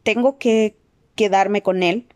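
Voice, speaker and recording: A woman's voice: medium pitch, normal speed, darkish tone, close to an everyday voice. A woman voicing a teenage boy wizard in an audiobook, giving short, emphatic answers. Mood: blunt. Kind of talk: audiobook character voice.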